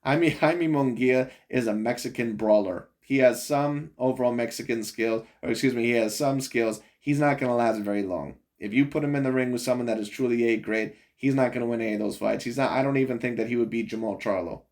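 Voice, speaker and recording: Brisk and hardly pausing, a man with a medium-pitched, slightly mellow voice comments casually on boxing as he reviews footage. His opinions ramble, punctuated by frequent chuckles and repeated uses of "overall" and "in my opinion."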